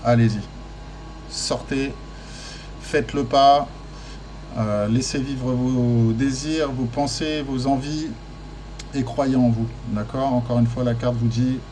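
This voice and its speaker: A man's voice: medium pitch, steady tone, takes it slowly, long pauses, noisy background. A man giving a tarot card reading in casual, hesitant speech full of fillers and restarts, encouraging his listeners. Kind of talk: casual spoken guidance.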